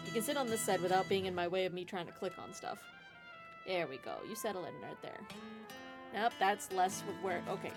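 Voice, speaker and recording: A woman's voice: lowish voice, fairly quick, music in the background. A woman chatting casually as she plays a game on a stream. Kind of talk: casual chat while playing a game.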